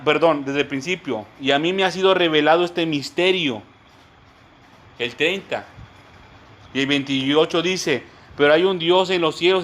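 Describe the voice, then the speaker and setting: There's slight background noise as a man with a fairly high, fairly bright voice teaches a church Bible study. Repetition runs through his teaching, and "brothers" is how he often addresses the group. He explains each word in turn and spells terms out.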